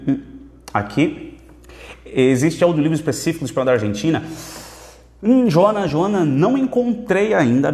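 Energetic Brazilian man teaching, echoey room. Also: mid-range voice. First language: Portuguese. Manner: reads viewer questions aloud, repeats phrases, energetic. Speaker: Spanish teacher. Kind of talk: live Q&A lesson. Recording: echoey room with long reverb.

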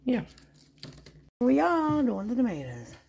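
Here a middle-aged woman narrates a casual home vlog while cooking indoors in a small kitchen, filmed on a handheld phone. She sounds a little high and a little slow, with huge pitch swings, vocal fry, a darkish tone and a touch of hiss or hum.

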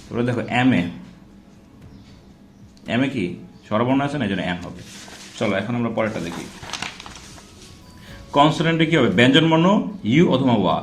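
A man's voice: medium pitch, expressive, normal speed, long pauses, echoey room, slight background noise. A man teaching an English grammar lesson in a casual classroom style, repeating example words and checking in with rhetorical questions.

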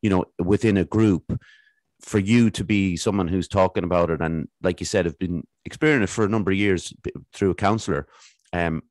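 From a home room, an Irish podcast host with a deep, slightly mellow voice talks fairly quickly into a studio mic, wearing headphones. His casual interview turns are long and rambling, packed with fillers and restarts, and there's no room sound.

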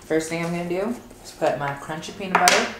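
This young home vlogger has a notably low voice and a fairly quick pace as she walks through a recipe step by step in a casual, unscripted way. Her room has a clear echo, and the kitchen noise of pots and utensils stands out behind her.

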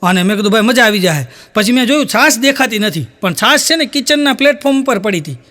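Man with a Kathiyawadi Gujarati accent, very high voice, live stand-up storyteller. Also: expressive, quick pace, bright, forceful tone. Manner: storytelling full of "he said" tags. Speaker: stand-up comedian. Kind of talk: live stand-up joke telling.

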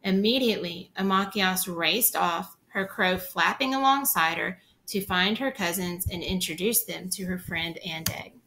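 A woman's voice: fairly low pitch, measured pace, hardly any pauses, pushed and bright, a little hiss or hum. A woman reading a book chapter aloud, stopping now and then to explain the story in plain, chatty words. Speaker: reader.

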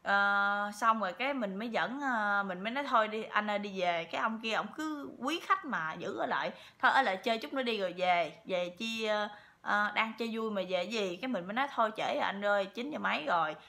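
A woman's voice: medium pitch, lively intonation, fairly quick, sharp tone. A woman telling a story to her viewers in a chatty way, repeating words often. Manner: chatty, with many repeats and fillers. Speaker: vlogger.

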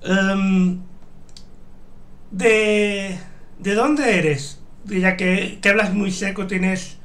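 A man's voice: sits high, fairly even intonation, drawn-out words, a bit bright. A man in his thirties hosts a casual streamed interview, telling a rambling story and reading out viewer questions through his headset. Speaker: show host. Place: home streaming room.

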